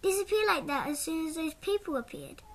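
A woman voicing an eager young girl in a storybook, earnest and lively. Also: very high-pitched, fairly quick, pitched above the performer's own voice, full character voice.

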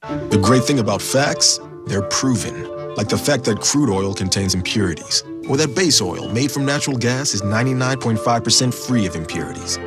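A man giving a measured, scripted advert narration as voice-over announcer. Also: mid-range voice, animated, over music.

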